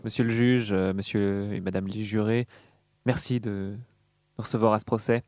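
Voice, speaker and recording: A man's voice: fairly low pitch, fairly even intonation, normal speed, a little mellow, no echo, clean studio sound, close to an everyday voice. A man playing an earnest, melodramatic bard in a tabletop game, declaiming like a stage actor. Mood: melodramatic, pleading. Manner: hammy, declamatory stage delivery.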